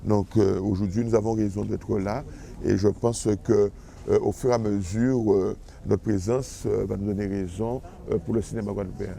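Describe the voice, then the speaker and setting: A man speaking in a measured, hesitant way in a festival interview. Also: on the low side, fairly even intonation, vocal fry, dark tone. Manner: measured, hesitant with many fillers.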